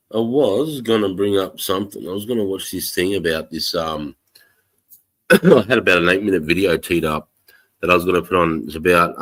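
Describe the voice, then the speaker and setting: A man's voice: deep voice, fairly bright tone. An Australian man hosting a casual livestream, chatting in a blokey, slangy way with plenty of swearing. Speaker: livestream host.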